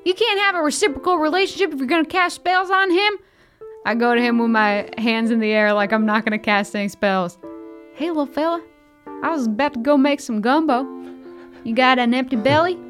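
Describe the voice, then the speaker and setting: A good-natured, folksy young woman talks in a high, easygoing drawl, as a woman plays her in a tabletop game. Soft music plays underneath. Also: fairly quick.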